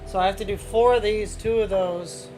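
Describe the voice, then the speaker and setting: A woman in her late twenties chatting casually while she works on a craft project, excitable and quick to swear. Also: mid-range voice, poor audio. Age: 20s. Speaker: co-host of a crafting stream. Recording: music playing underneath.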